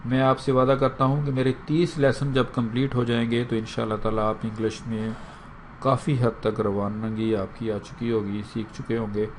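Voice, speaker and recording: Pakistani guy teaching english, says each phrase slow over and over, bit of faint hiss behind. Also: medium pitch, level tone. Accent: Pakistani Urdu. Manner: repeats English phrases slowly for drilling. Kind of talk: spoken language lesson.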